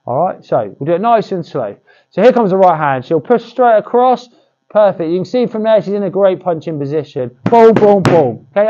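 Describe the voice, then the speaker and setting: A man's voice: high-pitched, darkish tone, lo-fi sound. A man coaching boxing pad work, demonstrating drills with short cues and encouragement.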